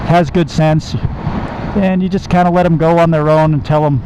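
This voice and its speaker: A high-voiced American man chats casually, telling anecdotes as he rides. His voice comes from inside a motorcycle helmet, with clear engine and road noise around it. He is conversational and repeats phrases to make his point. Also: fairly even intonation, moderate pace. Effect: muffled inside a motorcycle helmet. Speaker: motovlogger and car salesman. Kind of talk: casual storytelling to camera while riding. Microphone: microphone inside helmet.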